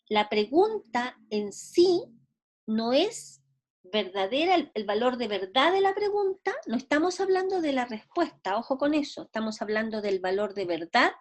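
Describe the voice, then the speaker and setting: A woman teaching a logic class, explaining patiently and often checking whether her students follow. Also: a little high. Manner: explanatory, repeats and rephrases, checks understanding. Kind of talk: recorded lecture.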